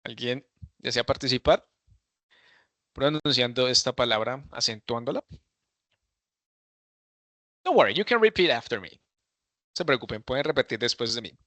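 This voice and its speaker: A man's voice: mid-range voice, lively intonation, a little slow, long pauses, pushed and bright, dry recording. A man teaching an English speaking workshop, switching between languages and often checking with the group. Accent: Latin American Spanish. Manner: switches between languages, asks the group for answers, many fillers. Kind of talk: bilingual classroom instruction.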